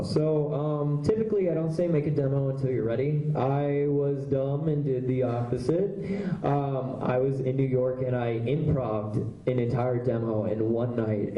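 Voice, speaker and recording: A male voice actor fields audience questions at a convention panel in a mid-range, warm voice. He's chatty and loose, tossing in lots of fillers, and the panel room is echoey.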